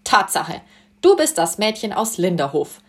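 Woman doing a loud, boastful young sun god, cheerful and cocky, storybook. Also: mid-range voice, big pitch swings, measured pace. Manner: loud, showy, self-assured.

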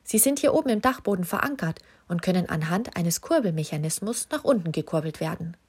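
A woman's voice: lowish voice, lively intonation, fairly quick, a little mellow, slightly rough. A woman doing a kindly storybook king. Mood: explaining. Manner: protective, earnest. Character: kind, slightly fearful male king.

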